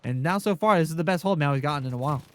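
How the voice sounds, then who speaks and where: A man calling an esports match play by play, rapid and excitable. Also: fairly high pitch. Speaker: play-by-play caster.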